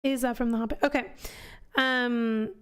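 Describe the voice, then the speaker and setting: A woman's voice: a little high, fairly even intonation, normal speed, fairly bright tone, smooth. A woman hosting a book club live stream, chatting casually and rambling as she answers questions from chat. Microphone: headphones on, desk mic.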